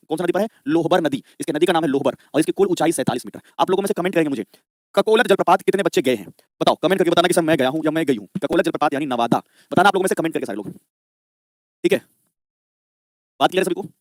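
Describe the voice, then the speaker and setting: A man's voice: on the high side, no room sound, studio quality. A man teaching a live online exam-prep class, drilling students with repeated questions and answers.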